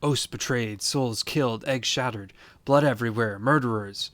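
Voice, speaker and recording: A man's voice: mid-range voice, moderate pace, fairly bright tone, dry recording, close to an everyday voice. A man voicing a fierce, alarmed female dragon in a storybook reading, in stark, intense, clipped phrases. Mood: fearful bloodlust. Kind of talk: storybook character voice in an amateur reading.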